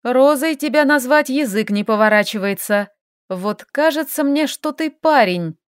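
Woman voicing a feisty, sharp-tongued young heroine. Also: sits high, lively intonation, smooth, no echo, clean studio sound, pitched above the performer's own voice. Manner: quick, bickering, exclamatory.

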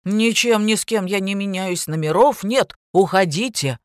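A woman voicing a coarse, rude middle-aged female hotel clerk who scolds loudly in blunt slang. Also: moderate pace, no echo, clean studio sound, natural voice. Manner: shrill, scolding, coarse colloquial speech.

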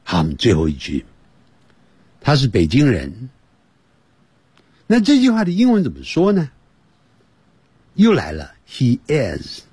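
A man teaching an English lesson on the radio, drilling words slowly and repeating them for listeners to copy. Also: mid-range voice, wildly swooping pitch, warm tone, husky, no room sound. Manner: slow, repeats words over and over for learners to copy. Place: radio studio.

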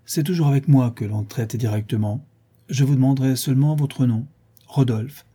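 A man's voice: mid-range voice, moderate pace, mellow, husky, close to an everyday voice. A man voicing a nosy, self-important old male porter who talks in a prim, fussy way. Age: older.

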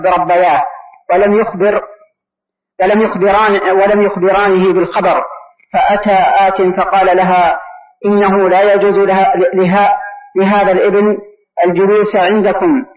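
Distant man reading a question in a roomy hall. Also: high voice. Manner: halting, stumbles and restarts while reading. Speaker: question reader. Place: large mosque. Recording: distant, roomy, lo-fi mosque recording.

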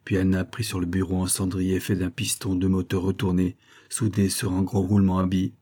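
A man narrating an audiobook in a steady, measured reading voice. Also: low-pitched. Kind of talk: scripted narration.

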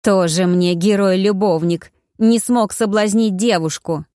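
A woman's voice: medium pitch, a little slow, warm tone, dry recording, studio quality, natural voice. A woman voicing a spoiled, scheming young baroness who whines and sneers. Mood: sneering. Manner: indignant, whining, sneering.

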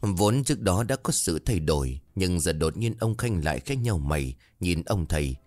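A man's voice: low voice, lively intonation, moderate pace, darkish tone, dry recording, soft background music. A man narrating a scripted ghost story, raising his voice for the characters' frightened lines.

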